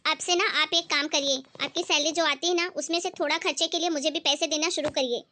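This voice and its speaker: A woman's voice: high voice, steady tone, a little fast, noisy background, lightly acted. A woman voicing a meek young daughter-in-law who talks politely and pleadingly in a cartoon story.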